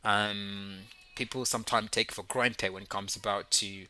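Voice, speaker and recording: A man who is a non-native English speaker, hosting a casual, unscripted recommendation in a halting, rambling way. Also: on the low side, steady tone, pushed and bright. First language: not English. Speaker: YouTube host and English learner.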